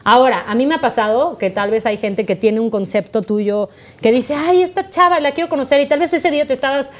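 A woman's voice: on the high side, fairly quick. Chatty Mexican woman telling a story. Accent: Mexican Spanish. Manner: chatty, animated, acts out quoted voices. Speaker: guest. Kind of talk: casual podcast storytelling.

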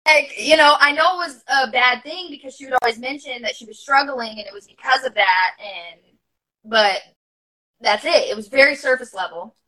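Young woman guest, bright and slightly high voice, casual and heartfelt storytelling with many fillers. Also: normal speed, low-quality recording. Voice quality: chatty, many fillers and asides. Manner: open and heartfelt, laughs while talking. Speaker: podcast guest, new mother.

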